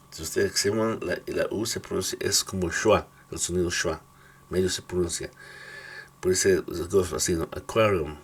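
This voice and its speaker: Guy teaching pronunciation, deep husky voice, goes slow, keeps checking ok?. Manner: patient, explanatory, checks in often with short questions. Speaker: English teacher. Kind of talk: explaining pronunciation rules and reading word lists.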